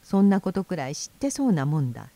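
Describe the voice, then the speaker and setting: A woman's voice: on the low side, very animated, fast, no room sound. A woman doing a blustering fat rich man. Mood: lecturing. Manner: blustering, shouting threats. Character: fat, greedy rich man, quick-tempered.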